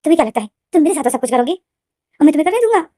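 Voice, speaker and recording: A hot-tempered young man, a boxer, hurls threats in a loud, heated rush, voiced by a woman reading a fan story aloud. The tone is mellow and a bit high for a man, and the sound is close and dry. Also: very animated, racing, no room sound. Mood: angry, threatening. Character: angry young male boxer, defiant and threatening.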